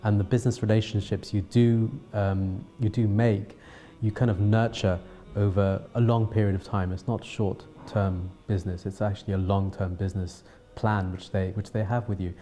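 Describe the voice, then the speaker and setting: A man from south-east England with a Home Counties accent, giving an unscripted account as an interviewee in a measured, hesitant way with frequent pauses and repeats. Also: on the low side, warm tone. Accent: Home Counties English. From south-east England, London and Surrey. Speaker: interviewee, television producer and filmmaker. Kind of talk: unscripted talking-to-camera account.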